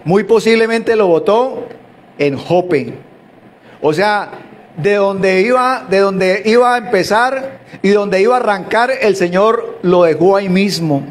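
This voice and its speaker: Male preacher, high-pitched, sermon delivery, halting restarts and rhetorical questions.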